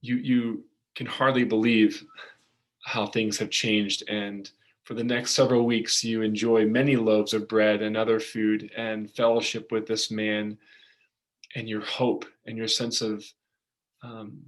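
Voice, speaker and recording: A man preaching a storytelling sermon, soft-spoken with long pauses. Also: lowish voice, flat delivery.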